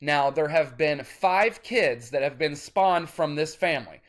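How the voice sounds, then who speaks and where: A man in his thirties, an independent musician, talking straight to camera in a rambling, cursing vlog rant that turns loud and insistent. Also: on the high side, lively intonation, unhurried. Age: 30s.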